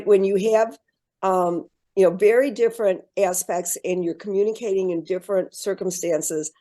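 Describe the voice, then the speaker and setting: Running an online workshop over a video call, a female program presenter speaks in a warm, mellow, rather low voice. Her pace is measured and encouraging, and she pauses on ums and restarts phrases.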